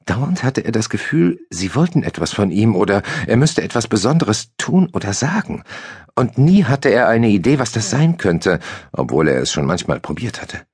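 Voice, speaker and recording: A man reading a comic novel aloud as narrator in a lively storytelling manner, close to a studio mic. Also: lowish voice, normal speed, slightly rough, no echo. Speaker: audiobook narrator.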